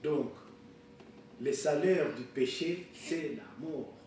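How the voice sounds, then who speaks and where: A man in his sixties preaching a sermon, halting with fillers and restarts. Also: a little high, a little mellow, slight background noise. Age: 60s. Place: church hall. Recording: echoey room, picked up from far off.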